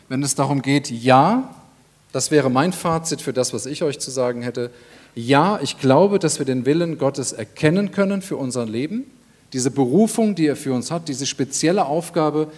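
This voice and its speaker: A man preaching a sermon in an earnest, emphatic way, with deliberate pauses and repeated phrases. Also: medium pitch.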